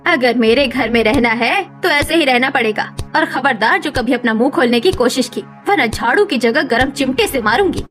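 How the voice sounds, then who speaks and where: A woman's voice: high-pitched, expressive, normal speed, hardly any pauses, a bit bright, soft background music. A woman voicing a cruel old village mother-in-law in a cartoon story, harsh and taunting. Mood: harsh scolding.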